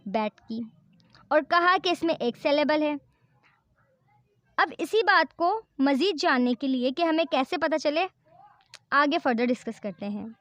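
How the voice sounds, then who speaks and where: A woman's voice: sits high, a bit bright, no room sound. A woman teaching a grammar lesson. She counts syllables aloud, spells out words letter by letter and checks in with "right?". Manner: slow, careful English, checking in with "right?". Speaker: English teacher. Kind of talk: classroom-style grammar lesson.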